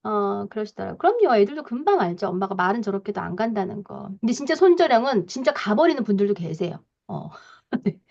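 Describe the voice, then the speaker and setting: A woman parenting coach giving a lecture, talking in a lively way with frequent soft fillers and acting out parents' lines as she explains. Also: mid-range voice, fast, gravelly, muffled recording.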